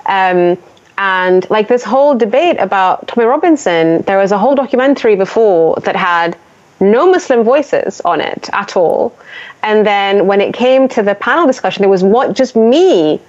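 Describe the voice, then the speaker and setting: A woman's voice: mid-range voice, animated, normal speed, darkish tone. A woman from Sudan speaking as a columnist on a podcast panel, earnest and restarting her phrases as she goes. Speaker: panel guest, newspaper columnist. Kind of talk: casual podcast discussion. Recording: dull lo-fi audio.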